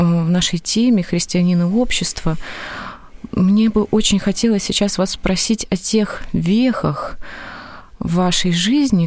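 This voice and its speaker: A host asks the guest elaborate, formal questions in long, winding sentences. The voice has a gravelly edge, and the recording is dry and close. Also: medium pitch, a little mellow, no room sound.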